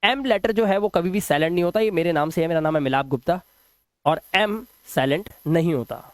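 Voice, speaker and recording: A man teaching pronunciation rules in a patient, step-by-step classroom style, repeating examples slowly. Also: a little high, clear, resonant tone, no room sound. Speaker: English teacher. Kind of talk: classroom-style lesson explaining silent letters.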